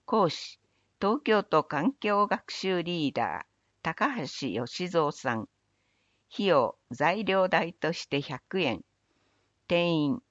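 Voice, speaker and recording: A woman reading municipal event announcements in a measured, even recital of dates, places and phone numbers. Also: fairly low pitch, no room sound, dull audio. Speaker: city announcer. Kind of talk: scripted public announcement reading.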